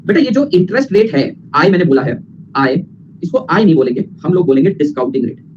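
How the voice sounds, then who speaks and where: A male teacher giving a lively lecture, mixing Hindi and English and acting out students' replies. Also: on the high side. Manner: fast, playful, mixes Hindi and English, acts out students. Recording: lo-fi with background hiss.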